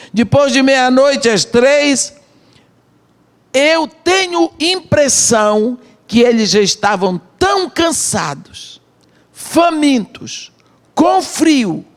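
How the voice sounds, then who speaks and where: A middle-aged woman with a Brazilian Portuguese accent delivers a sermon at an unhurried pace. She builds the story in short phrases with dramatic pauses, like a missionary speaking to a congregation. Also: medium pitch. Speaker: missionary preacher.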